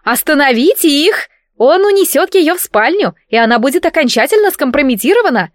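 A woman doing a shrill, scheming young princess. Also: a little slow, no echo, clean studio sound. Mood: shrieking.

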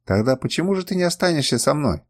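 A man's voice: fairly high pitch, sing-song, fast talker. A man reading an audiobook, voicing a proud, fiery young woman who turns defiant, pleading and spiteful. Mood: challenging.

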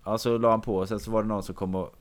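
A man with a somewhat low voice tells a long anecdote in casual conversation. He wanders from detail to detail as he goes. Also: flat delivery. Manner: long meandering anecdote told to a listener. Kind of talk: casual chat.

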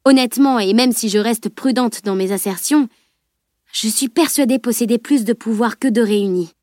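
A woman's voice: on the high side, moderate pace, darkish tone, no echo, clean studio sound, close to an everyday voice. A woman voicing a determined teenage girl who reasons aloud earnestly, in an audiobook. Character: determined teenage girl, young magic-user.

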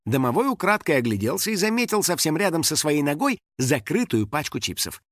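A man reads a children's story aloud as narrator, with a fairly high voice that rises and falls constantly. His delivery is animated and storyteller-like. The sound is dry and close to the mic, with no room around it. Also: brisk, dry recording. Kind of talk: expressive audiobook narration.

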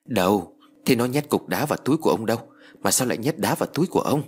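A man voicing a middle-aged village wife who scolds her husband briskly in an audio story. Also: mid-range voice, animated, darkish tone, slightly rough. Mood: uneasy.

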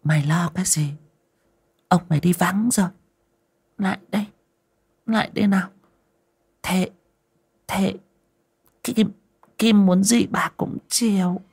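Guy putting on a high coaxing voice for a sly bossy lady of the house, husky edge, audio story. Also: unhurried, pauses often, a little mellow, exaggerated voice.

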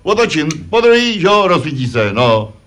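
A man with a rather high, sing-song, somewhat bright voice performs a pompous, know-it-all puppet father lecturing his son in a vintage puppet comedy sketch. The puppeteer plays him self-important and preachy, fond of saying "že jo".

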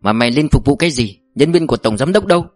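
A man's voice: medium pitch, lively intonation, fast talker, dry recording, studio quality, faint music behind, natural voice. A man voicing a sly scheming security chief. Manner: blunt, bossy.

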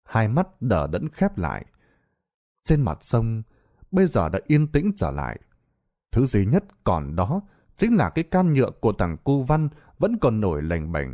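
A man narrating a dramatic horror story in an expressive, theatrical way. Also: on the low side, unhurried.

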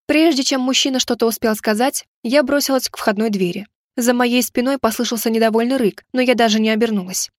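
A woman reads a first-person audiobook with expressive storytelling. Her voice sits a little high and is recorded close and dry. The narration has a lively, engaged tone. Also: brisk, hardly any pauses, no room sound.

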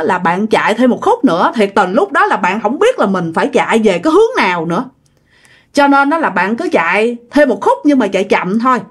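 Animated Southern Vietnamese woman storyteller. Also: a little high, breathy edge. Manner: chatty, addresses listeners directly, many fillers. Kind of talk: casual ghost-story narration.

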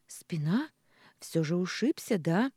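A man's voice: very animated, slow, slightly rough, no room sound, clean studio sound, full character voice. A man doing a fretful young village woman. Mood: worried. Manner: raised, bright girlish pitch. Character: young woman, teasing and quick to fret.

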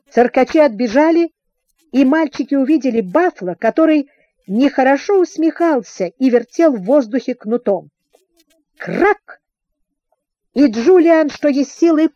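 A woman narrating a children's adventure audiobook in an expressive, animated reading. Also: high-pitched, no room sound, dull audio.

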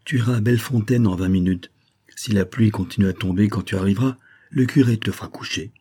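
A man's voice: lowish voice, brisk, warm tone, breathy edge. A man reading the lines of an old aristocratic general giving orders to his servants, in an audiobook. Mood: commanding. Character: elderly marquis general, commanding and brisk.

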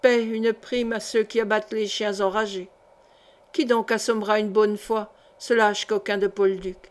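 A woman's voice: mid-range voice, little pitch movement, moderate pace, lightly acted. A woman reading the lines of a jovial, teasing older male colonel in an audiobook, in a bantering, mocking tone.

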